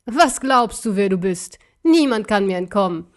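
A woman voicing an arrogant, cruel ancient emperor in an audiobook, speaking slowly and scornfully. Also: mid-range voice, animated, natural voice. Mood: gloating. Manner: slow, scornful and gloating. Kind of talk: audiobook character voice.

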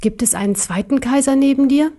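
A woman's voice: sits high, fairly quick, warm tone, voice pushed up. A woman voicing a small, brave, stitched-together male teddy bear who speaks urgently and defiantly.

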